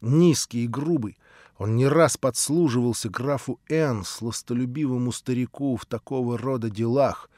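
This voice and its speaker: A man narrating a classic novel as an audiobook in a measured storytelling manner. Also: medium pitch, a little mellow, dry recording, studio quality. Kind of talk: scripted literary narration.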